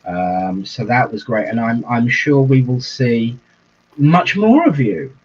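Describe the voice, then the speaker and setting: Here the man playing reverend on the livestream has a medium-pitched voice with lively intonation, chatting loosely, chuckling a lot and drawing out his words. His video-call feed carries a little hiss or hum and sounds dull and lo-fi.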